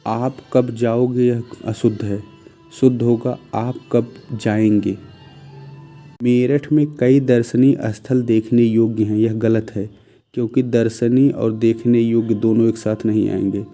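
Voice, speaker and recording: Slow, dark-voiced male Hindi teacher. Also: medium pitch, little pitch movement, soft background music. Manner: reads each sentence, then marks it correct or incorrect; poses quiz-style questions, then answers them. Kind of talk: spoken grammar lesson.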